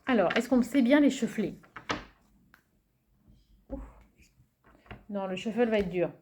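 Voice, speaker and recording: A woman presenting a card game in a casual video, cheerful and amused, pausing often with fillers and reading titles slowly. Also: medium pitch, animated, a little mellow, slight background noise. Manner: hesitant, many fillers, muses aloud over names; reads English card titles slowly and carefully. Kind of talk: casual show-and-tell presentation.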